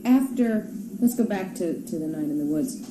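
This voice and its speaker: An interrogator with a mid-range voice puts pointed questions formally and insistently, repeating them. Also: female voice, lowish voice, expressive, normal speed. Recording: echoey, noisy archival interrogation recording.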